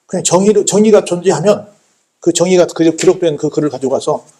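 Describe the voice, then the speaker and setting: A man's voice: fairly high pitch, fairly quick, warm tone. A man, a pastor, preaching a sermon, asking rhetorical questions and answering them, repeating phrases for emphasis. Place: church sanctuary.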